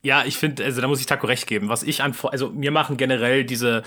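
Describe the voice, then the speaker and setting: A man's voice: mid-range voice, fairly even intonation, quick pace, pushed and bright. A man in casual, opinionated podcast chat, speaking in a blunt, colloquial way. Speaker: podcast panellist.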